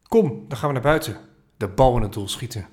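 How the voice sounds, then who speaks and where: A man's voice: mid-range voice, lively intonation, brisk, darkish tone, lightly acted. A man voicing an eager, stubborn young boy in a children's storybook podcast, grumbling when things go wrong. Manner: grumbles when frustrated, proud when it works.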